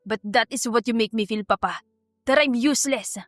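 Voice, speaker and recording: A woman voicing a bitter young man in a wheelchair, shouting at his parents in a storybook reading. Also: on the high side, normal speed, no echo, faint music behind, lightly acted. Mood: angry.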